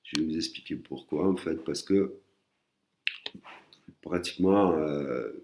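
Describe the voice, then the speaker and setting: A man's voice: extremely low pitch, takes it slowly, mellow, slight background noise. A man teaching a language lesson, patient and explanatory, often repeating and rephrasing himself. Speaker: Thai teacher.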